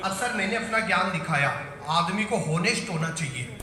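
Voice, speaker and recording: A man's voice: high voice, animated, normal speed, very noisy. A man performing as a satirical poet in a live comic poetry recital, bantering with the audience on stage. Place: large hall on stage. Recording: echoey hall, faint crowd.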